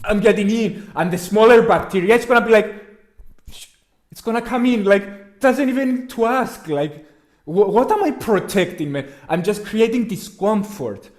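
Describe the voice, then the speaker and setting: Male podcast host, slightly high voice, rambling crude casual banter. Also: moderate pace. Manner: rambling, crude, animated when joking. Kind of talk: casual chat.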